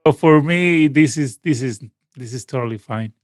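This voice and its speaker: A man's voice: mid-range voice, moderate pace, no room sound. Venezuelan man, rambling interview answers. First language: Spanish. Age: 40s. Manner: rambling, many restarts and fillers, laughs often. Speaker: guest musician. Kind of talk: casual interview over a call.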